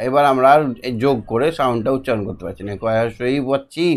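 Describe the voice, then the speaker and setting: A middle-aged man teaching a classroom lesson, patiently repeating and drilling syllables slowly. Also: medium pitch.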